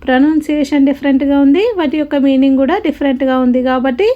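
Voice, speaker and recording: A woman's voice: high-pitched, flat delivery, quick pace, dull audio. A woman teaching a grammar lesson, patiently spelling words out letter by letter and repeating each rule. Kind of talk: grammar lesson explaining word pairs.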